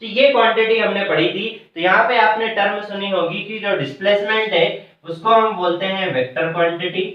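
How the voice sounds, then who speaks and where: Briskly, a high-voiced male teacher takes a classroom math lesson step by step, asking questions and supplying the answers himself. He is distant from the mic in a very echoey room, and the audio is dull and lo-fi.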